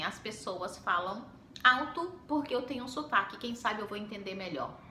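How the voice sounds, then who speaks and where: A young adult woman with a Brazilian Portuguese accent, telling personal stories in a chatty, animated vlog. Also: mid-range voice. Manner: chatty, animated, with rhetorical asides. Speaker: vlogger. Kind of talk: casual storytelling vlog. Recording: echoey room with faint background noise.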